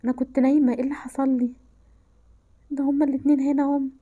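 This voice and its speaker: A woman's voice: sits high, little pitch movement, rapid-fire, warm tone, muffled recording. A woman with an Egyptian Arabic accent, commenting while she plays a horror game, frightened and exclaiming, often dropping into whispers. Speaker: gameplay narrator.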